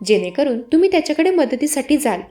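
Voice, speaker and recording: Woman voicing a male police inspector, matter-of-fact, explaining, high voice, mellow tone. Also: big pitch swings, fast talker, soft background music.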